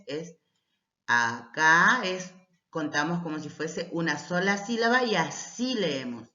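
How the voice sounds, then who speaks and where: A woman teacher gives a patient recorded class lecture at an unhurried pace. She keeps checking in with short prompts and reads verses aloud slowly. The recording is roomy and dull, with a lo-fi edge. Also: lowish voice, sharp tone. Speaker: language teacher.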